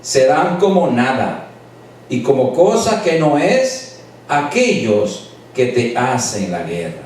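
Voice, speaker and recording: A man's voice: medium pitch, big pitch swings, slow pace, a little mellow, a little hiss or hum. A man pastor preaching a sermon with emphatic, repeated phrases, recorded in a church. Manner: preaching with rising emphatic repetition. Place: church sanctuary. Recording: echoey church hall picked up from a distance.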